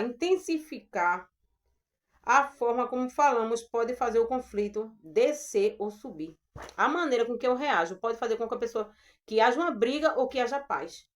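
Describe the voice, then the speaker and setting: A woman with a Brazilian Portuguese accent giving a gentle, earnest devotional Bible talk, addressing her listeners as sisters. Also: fairly high pitch. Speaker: preacher.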